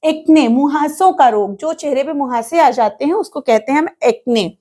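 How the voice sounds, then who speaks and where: High-voiced woman teaching English words. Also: warm tone. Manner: spells words letter by letter, slowly and deliberately; explains in Hindi with English words mixed in. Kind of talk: spoken English vocabulary lesson.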